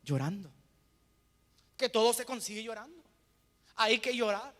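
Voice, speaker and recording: Male pastor with a high, bright, forceful voice, preaching in call-and-response style and moving between hushes and loud bursts, in a long-echoing hall. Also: animated. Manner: preaching with rhetorical questions and call-and-response pauses. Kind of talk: sermon.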